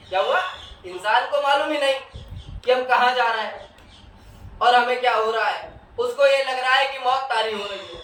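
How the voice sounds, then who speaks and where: A man with a North Indian Urdu accent gives a majlis sermon in a strikingly high voice. He asks his listeners questions and answers them himself, and tells stories through quoted exchanges. He is heard from some distance in a large, echoing hall. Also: fairly bright tone, slight background noise. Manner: tells stories with quoted back-and-forth dialogue. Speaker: zakir, religious speaker at a mourning gathering. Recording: echoey hall, voice heard from far.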